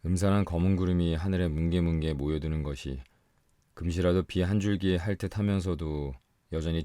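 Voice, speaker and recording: A man reading a story aloud for sleep in an even, unhurried voice. His tone is very deep and mellow. It sits close to the mic and sounds dry, with no echo. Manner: calm, slow, soft storytelling. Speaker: audiobook narrator. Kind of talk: bedtime audiobook reading.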